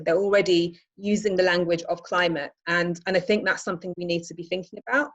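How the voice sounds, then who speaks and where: A woman's voice: fairly low pitch, muffled recording. A woman from Iraq, an environmental campaigner giving a webinar presentation, talking hesitantly with many restarts and ums.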